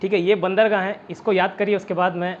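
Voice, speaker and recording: A man's voice: high-pitched, level tone, quick pace, dull audio, a little hiss or hum. A man with a Chhattisgarh Hindi accent teaching an exam-prep geography lesson in a chatty way, often checking in with his students and using mnemonics. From India. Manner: chatty, repeats "theek hai", quizzes students with mnemonics.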